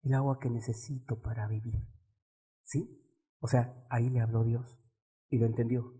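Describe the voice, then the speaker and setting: A man preaching a sermon, asking rhetorical questions and swinging between low murmurs and raised exclamations. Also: little pitch movement, moderate pace, warm tone, breathy edge.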